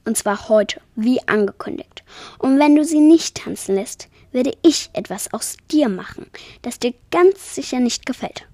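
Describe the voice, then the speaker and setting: A woman's voice: high-pitched, lively intonation, unhurried, darkish tone, no echo. A woman voicing a loyal, protective male vampire who speaks firmly and with determination, in a storybook reading. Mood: determined. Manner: firm, determined.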